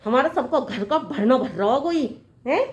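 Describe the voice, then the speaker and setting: Woman playing a shrill nagging mother-in-law. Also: animated, normal speed, highs cut off. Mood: scolding. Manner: shrill, shouting, sarcastic scolding. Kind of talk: comedy sketch acting.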